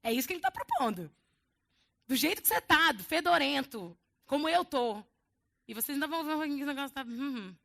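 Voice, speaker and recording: Woman preacher, Brazilian accent, high voice, lively and conversational, speaking to a church congregation. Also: fairly quick, gravelly. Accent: Brazilian Portuguese. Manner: animated, talks straight to the congregation with casual asides. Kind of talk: conversational sermon. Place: church service before a congregation.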